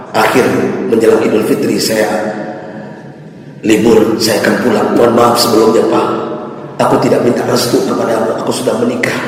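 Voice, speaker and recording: A male preacher voices a humble grown son, dropping a little lower and speaking politely and deferentially to his father. The sound carries a big, reverberant hall, recorded from far off. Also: darkish tone, lightly acted.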